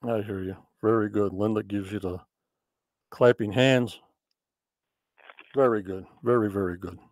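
A man's voice: on the low side, fairly even intonation, measured pace, a little mellow, no echo. Male host, chatty and enthusiastic, dry close sound. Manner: enthusiastic, repetitive praise and chatty asides. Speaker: podcast host. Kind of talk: casual live discussion.

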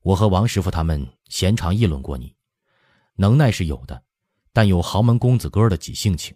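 A man giving voice to a composed imperial prince in an audiobook, speaking in a calm, flat and measured way as he delivers a stern rebuke. The voice is deep and dark, with a husky grain. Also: no echo, studio quality. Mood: coolly stern.

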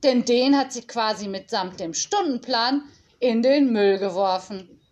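A woman's voice: fairly high pitch, measured pace, darkish tone, dull audio, natural voice. A woman reading aloud and voicing a clever, cheeky schoolgirl who talks eagerly.

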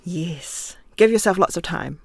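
New Zealand woman, interview guest; creaky, gravelly tone, dry close studio sound, easygoing and chatty. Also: fairly low pitch, lively intonation, a little slow, no echo. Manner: chatty, laughs often, thinks aloud. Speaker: guest writer. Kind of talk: relaxed interview talk. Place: recording studio.

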